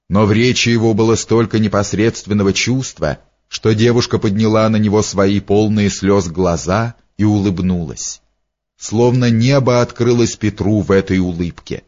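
A man narrating an audiobook in a measured, even storytelling manner. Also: on the low side. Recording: dull lo-fi recording.

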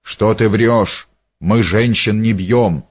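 A man plays an impulsive young prince, earnest and quick to command, in a low, unhurried voice. The sound is dull and lo-fi. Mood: impatient. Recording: dull lo-fi recording.

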